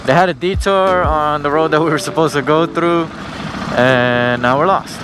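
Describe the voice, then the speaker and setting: Male moto vlogger, unhurried slangy bilingual chat, loud traffic and engine behind. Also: on the high side. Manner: slangy, switches between English and Spanish. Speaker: motorcycle vlogger. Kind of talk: casual vlog chat while riding. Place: outdoors on a motorcycle.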